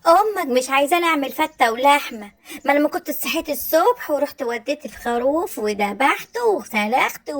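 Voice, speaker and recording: A brash, blunt mother-in-law scolds in a high voice with a broad Egyptian accent. Loud and unpolished, she is the comic working-class figure of the sketch.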